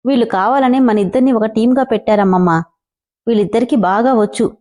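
A woman's voice: a little high, a little fast, warm tone, close to an everyday voice. A woman voicing a sulky young woman who grumbles to herself.

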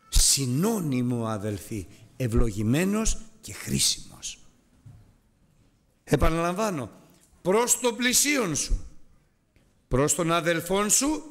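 A man teaching a preaching Bible lesson, firing rhetorical questions at his listeners with self-mocking asides. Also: fairly high pitch.

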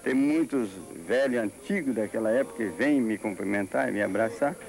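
A man's voice: medium pitch, moderate pace, gravelly, very noisy. A man in his fifties with a Brazilian accent, chatting casually in an interview on a handheld mic. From southern Brazil. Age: 50s. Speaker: rodeo founder being interviewed. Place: outdoors at rodeo arena at night. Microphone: handheld reporter microphone. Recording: music behind, old TV tape.

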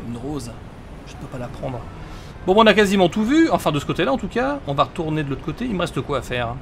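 Lively, high-voiced let's player. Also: male voice, fast, vocal fry, slight background noise. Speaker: let's play host. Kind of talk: casual game commentary and reading dialogue aloud.

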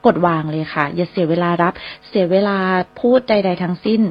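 Thai woman teaching English on radio. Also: on the low side. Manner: spells English words slowly letter by letter, repeats phrases. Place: radio studio. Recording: slightly dull radio broadcast sound.

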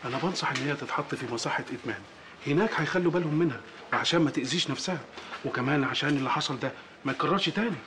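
A man playing a calm Egyptian doctor. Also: on the high side, background noise, close to an everyday voice. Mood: earnest. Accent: Egyptian Arabic. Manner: measured, advising. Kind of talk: film acting.

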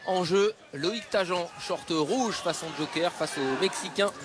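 A man's voice: high voice, measured pace. A man giving live television boxing commentary. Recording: clearly noisy live arena broadcast.

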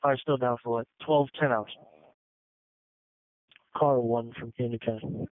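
A man's voice: medium pitch, fairly even intonation, unhurried, no echo. Male dispatcher on tinny police-style radio. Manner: clipped, procedural read-backs. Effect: two-way radio. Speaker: emergency dispatcher.

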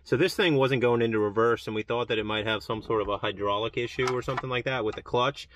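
A man's voice: mid-range voice, fast talker, fairly bright tone, no room sound. A man narrating a casual vlog in a garage, thinking aloud as he explains a car problem with frequent "um" fillers. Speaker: car shop owner and vlogger. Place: auto garage.

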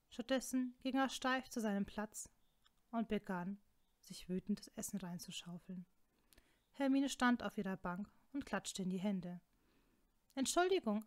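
A woman narrating a fan fiction story in a steady, even reading voice. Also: mid-range voice.

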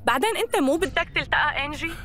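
Casting: coaxing, manipulative woman in her thirties, Syrian accent, high animated voice, dubbed TV drama. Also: very fast, faint music behind. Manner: coaxing, insistent.

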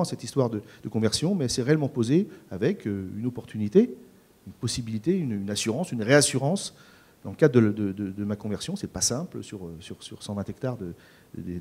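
A middle-aged French farmer speaks into a handheld mic on a conference stage before an audience, his medium-pitched voice warm and husky. He's part of a panel and sounds hesitant, with lots of fillers and repeated words.

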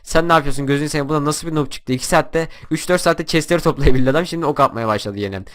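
A young man giving excitable commentary over his own gameplay and taunting the other players. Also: on the high side, rapid-fire. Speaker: gaming YouTuber.

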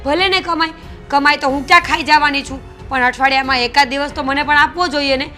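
A loud stubborn young wife. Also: female voice, high voice, steady tone, brisk, soft background music. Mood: argumentative. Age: young adult. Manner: loud, argumentative.

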